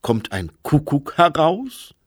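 A man's voice: on the high side, wildly swooping pitch, takes it slowly, slightly rough, pitched above the performer's own voice, exaggerated voice. A man reading aloud and voicing an amiable, fussy scholar who speaks in a mild, hopeful way.

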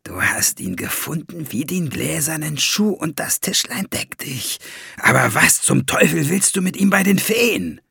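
A sneering little dwarf, put on by a male narrator, all mocking glee and greedy scheming, his voice pitched up high and swooping. A gravelly, husky edge sits under it, recorded close and dry for an audiobook. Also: wildly swooping pitch, takes it slowly, pushed and bright, no echo, exaggerated voice. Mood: sly. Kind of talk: audiobook character voice.

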